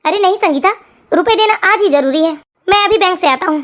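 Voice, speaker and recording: A performer voicing a hot-headed young husband in a cartoon story, urgent and accusing, in a very high voice. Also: quick pace, a bit bright. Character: stressed young husband, hothead.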